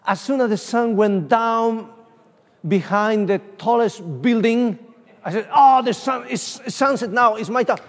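A middle-aged man from Uruguay preaches as an evangelist at a conference, speaking with a Spanish accent in an extremely high-pitched voice at a measured pace. He is animated, telling personal stories with many fillers. A distant room microphone in a large conference hall picks him up, with long reverb.

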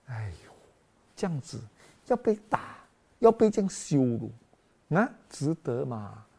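A man's voice: medium pitch, very animated, a little slow, gravelly, mellow, slightly rough. A man preaching a Christmas sermon with emotional, dramatic exclamations, often calling out to the congregation as brothers and sisters.

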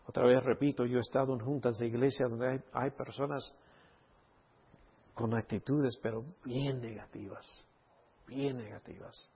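Husky-voiced man preaching with emphasis. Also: mid-range voice, fairly even intonation, moderate pace, dull audio. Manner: emphatic, rhetorical questions, checks with "ok?". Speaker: pastor. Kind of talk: Bible study sermon.

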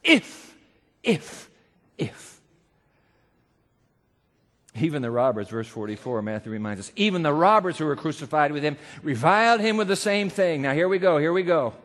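Man, pastor, sermon, dramatic, loud then hushed, long hall reverb. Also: on the high side, expressive, fast talker, hardly any pauses.

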